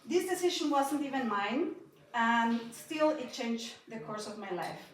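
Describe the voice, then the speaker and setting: At a building's inauguration, a young native Spanish speaker from Mexico and Austria reads a personal talk aloud, nervous and shaky, with little laughs interrupting. Her fairly high voice is animated and measured in pace. The hall echoes, she's distant from the mic, and there's slight background noise.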